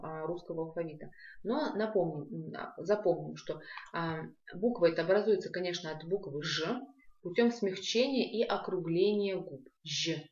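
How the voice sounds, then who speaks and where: A woman teaching a language lesson, patiently repeating sounds slowly and clearly. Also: on the low side, a little mellow. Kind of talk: video lesson on pronunciation. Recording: echoey room, dull lo-fi sound.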